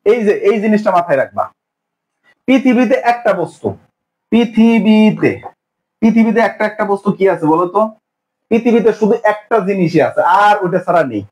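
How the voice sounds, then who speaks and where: A young male teacher runs an exam-prep grammar lesson. His voice sits high for a man, and he drills each rule by asking a question and then answering it himself, over and over. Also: animated, brisk, a little mellow, rough recording. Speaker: English teacher.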